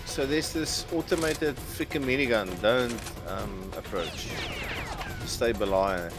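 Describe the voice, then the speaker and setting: A man's voice: medium pitch, slow. A man giving directions and dry remarks to his teammates during a co-op shooter. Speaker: gamer. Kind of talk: co-op gameplay chat. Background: loud game music and gunfire.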